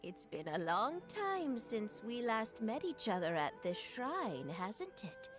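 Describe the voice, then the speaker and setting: A kindly old grandmother from an anime game, talks slowly in a higher, gently lilting voice. She is polite and devout, with music clearly behind her. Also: big pitch swings. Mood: puzzled, friendly. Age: older. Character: kindly, devout elderly grandmother, grateful and chatty. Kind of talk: scripted anime game character acting. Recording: clear background music under the voice.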